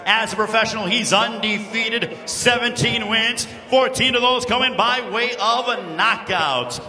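Male ring announcer, high pitch, emphatic, formal, big arena reverb. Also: pushed and bright. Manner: projected, deliberate, emphatic. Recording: echoing arena PA, crowd noise.

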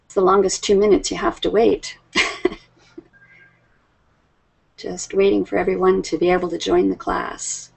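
A woman's voice: on the low side, little pitch movement, unhurried, creaky, long pauses, slightly rough, rough recording. A woman in her fifties teaching an online English class on a video call, patient and friendly with her students, laughing often. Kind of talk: slow, friendly class talk. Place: home room, indoors. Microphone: webcam on video call.

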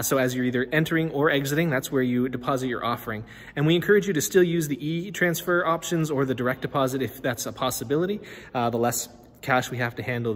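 A man in his thirties, a pastor, chatting casually with many fillers and restarts as he walks through an empty church, filmed on a phone at arm's length. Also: medium pitch. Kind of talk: casual walkthrough video. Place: inside an empty church building. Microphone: phone held at arm's length. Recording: reverberant hall with faint ambience.

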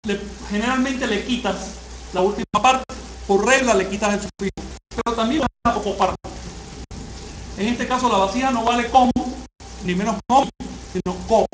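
A man teaching a classroom lecture, often asking the class questions and pausing on fillers. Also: high-pitched. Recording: echoey room, faint hiss.

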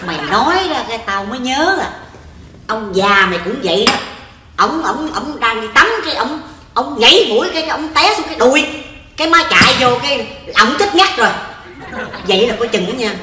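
A woman with a Southern Vietnamese accent playing a blunt, grumbling middle-aged mother in a live stage comedy sketch, coarse and scolding, with quick comebacks. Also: on the high side, lively intonation, close to an everyday voice. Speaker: comic stage actor. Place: large theater stage. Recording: echoey stage with audience noise. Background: audience laughter.

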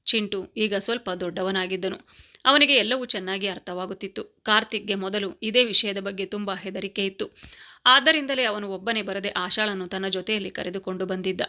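A woman reading a family story aloud as scripted narration, in a steady, even voice. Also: medium pitch, fairly quick.

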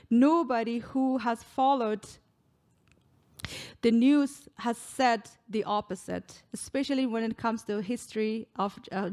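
A woman's voice: a little high, darkish tone. A young woman from Afghanistan giving a read keynote speech into a stand microphone, earnest, with frequent small restarts. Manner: earnest, reading from notes with restarts. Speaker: keynote speaker. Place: indoor room. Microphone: stand mic close to mouth.

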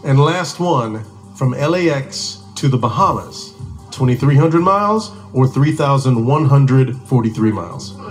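A man's voice: mid-range voice, expressive, a little slow. A man hosting a game show in a TV studio, talking a contestant through the game. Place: large TV studio. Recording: music and crowd behind. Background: music and studio audience.

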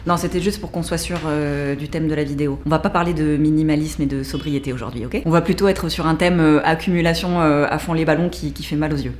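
A woman's voice: low-pitched, fairly even intonation, fast talker, few pauses, darkish tone, faint music behind. A young woman with a French accent, vlogging casually from a plant-filled living room in a playful, jokey, slangy way, close to the camera. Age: young adult. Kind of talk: casual scripted vlog. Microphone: camera at close range.

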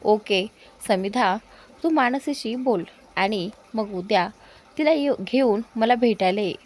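A woman's voice: mid-range voice, unhurried, darkish tone, close to an everyday voice. A woman reading the lines of an eager, impatient young man in a spoken love story, pushy and pleading. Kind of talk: storybook character voice.

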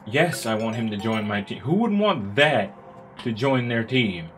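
A man's voice: lowish voice, lively intonation, unhurried, fairly bright tone, slight background noise. Joking young man playing a game. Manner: casual, crude, joking, puts on voices for characters. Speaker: let's play gamer. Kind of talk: reading game dialogue aloud with commentary. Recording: game music playing behind.

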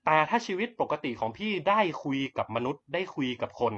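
A young man giving a blunt, brash network-marketing pitch on a livestream, swearing casually as he talks. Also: very animated, fairly quick, a bit bright. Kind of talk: live-streamed sales pitch. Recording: dull lo-fi livestream audio.

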